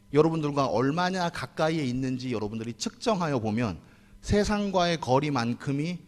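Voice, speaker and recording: Man, pastor, sermon, earnest, talks straight to the congregation, long church reverb. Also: a little high. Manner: earnest preaching, addresses the congregation directly. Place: church sanctuary.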